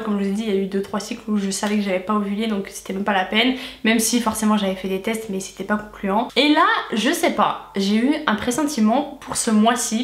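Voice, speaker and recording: Woman with a retainer lisp, echoey room. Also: medium pitch. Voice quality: nasal, stuffy nose. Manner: chatty, candid, slangy asides. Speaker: vlogger. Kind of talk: casual storytime vlog to viewers.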